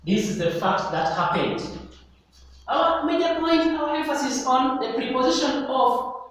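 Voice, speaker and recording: A man teaching an English grammar lesson, speaking slowly and repeating and stressing key words, recorded in a classroom. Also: extremely high pitch, animated, fairly bright tone. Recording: echoey hall, mic far off, faint noise.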